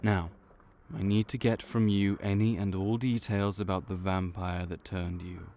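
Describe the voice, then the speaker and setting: There's a little hiss or hum as a low-pitched male voice performs a decades-long vampire counselor in an audio roleplay, calm and bureaucratic. His delivery stays measured and clinical, with patient reassurance.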